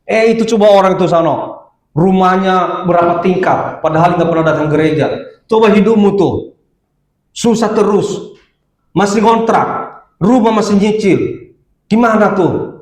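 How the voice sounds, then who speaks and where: A man's voice: high voice, moderate pace, darkish tone, lightly acted. A man voicing a sulking, scheming male devil who taunts and whines, in an echoey hall. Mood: taunting.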